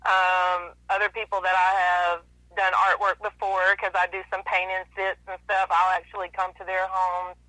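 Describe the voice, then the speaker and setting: Woman artist phone guest, very bright tense voice, chatty, filler-heavy. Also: fairly low pitch, monotone, normal speed, no echo, rough recording. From East Alabama / West Georgia. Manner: chatty, full of "you know" fillers. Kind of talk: phone interview. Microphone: telephone.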